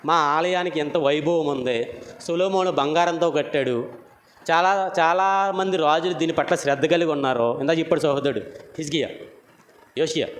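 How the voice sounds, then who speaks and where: A man preaching a sermon. He repeats his phrases, swings between loud and soft, and keeps putting questions to his listeners. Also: a little high. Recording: echoey hall, faint room noise.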